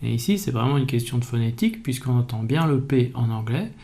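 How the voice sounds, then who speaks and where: A man calmly explaining spelling in a video lesson, methodical and even. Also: mid-range voice, brisk. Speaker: French language teacher.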